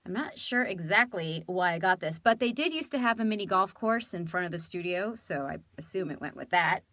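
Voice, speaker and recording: Woman in her thirties, from California, chatty vlog voice, bright and tense, very dry close sound. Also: fairly low pitch, fairly quick, no room sound. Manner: animated, chatty, laughing often. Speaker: voice actress. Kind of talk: casual show-and-tell vlog.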